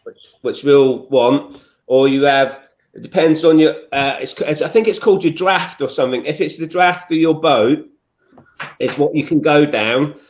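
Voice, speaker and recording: A man from Scotland with a London, Estuary-style accent, chatting casually and explaining things in a halting, self-correcting way. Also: a little high. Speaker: live streamer. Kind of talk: casual chat. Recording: dull lo-fi live-stream audio.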